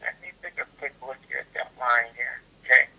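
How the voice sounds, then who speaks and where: A man speaking as a customer service representative on a phone call, polite and procedural, with a raspy voice and halting, repetitive phrasing. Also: mid-range voice, bright, forceful tone. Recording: telephone call audio.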